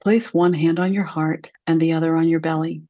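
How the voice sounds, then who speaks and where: This is a guided meditation from a woman whose voice is soft, mellow and unhurried, broken by long pauses. Her pitch barely moves. The sound is dry and a touch dull.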